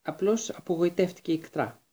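A man voicing a calm, wise old headmaster who speaks in an unhurried, quietly amused way while reading a storybook. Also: high-pitched, pitched above the performer's own voice. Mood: dry.

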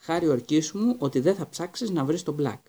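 A man doing a worried wizard father, hushed. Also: expressive. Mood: solemn. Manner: low, hushed and urgent. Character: earnest, worried middle-aged wizard father.

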